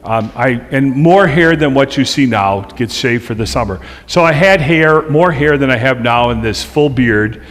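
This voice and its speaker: A man's voice: medium pitch, lively intonation, normal speed, hardly any pauses, fairly bright tone, long reverb tail. A middle-aged man, a pastor, telling humorous stories in a chatty, easygoing way during a church presentation. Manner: chatty and humorous, laughing at his own stories. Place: church sanctuary.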